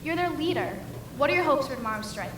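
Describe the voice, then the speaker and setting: A young woman on a school stage playing an ambitious young reporter who talks briskly and persuasively. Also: high voice, big pitch swings, a bit bright. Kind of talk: school stage musical acting. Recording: echoey hall, faint noise.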